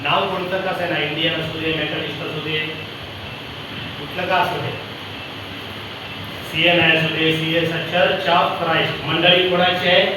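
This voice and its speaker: A man's voice: on the high side, flat delivery, measured pace, long pauses, distant mic, noisy background. A male preacher giving a sermon over a PA system, repeating his phrases and asking the congregation questions. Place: church hall. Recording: echoey hall PA sound from afar.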